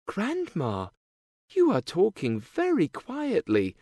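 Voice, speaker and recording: A man voicing a polite, timid little girl in a storybook reading, with a raised, gentle voice. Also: high voice, huge pitch swings, slow pace, no echo, pitched above the performer's own voice, heavily acted.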